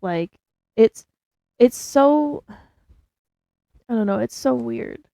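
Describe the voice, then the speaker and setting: A woman's voice: fairly high pitch, animated, slow pace, vocal fry, dark tone, no echo. A young woman co-hosting a casual podcast, speaking hesitantly and searching for words. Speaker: podcast co-host.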